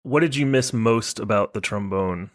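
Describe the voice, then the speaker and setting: Low-voiced man hosting a relaxed chat. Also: moderate pace. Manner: relaxed, asks long winding questions. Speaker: podcast host. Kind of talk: casual interview chat.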